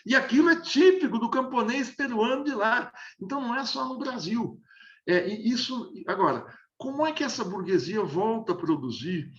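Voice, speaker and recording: A man in his sixties from São Paulo state's interior in Brazil speaks in a very high, expressive voice with a fairly bright tone and moderate pace, in an echoey room. He is an interview guest who explains at length, analyzing conversationally while hesitating and restarting many times. The recording sounds dull and lo-fi.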